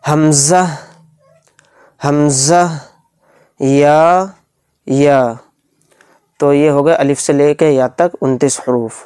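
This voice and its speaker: A man teaching beginners to read the Quran with tajweed, stretching out each letter name slowly and explaining patiently step by step. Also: medium pitch, a little mellow, no room sound, clean studio sound.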